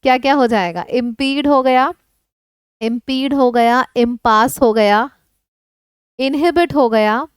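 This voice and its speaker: A woman's voice: high-pitched, measured pace, long pauses, clear, resonant tone, no echo. A woman teaching an online vocabulary lesson, explaining words in Hindi mixed with English and checking in with her students often.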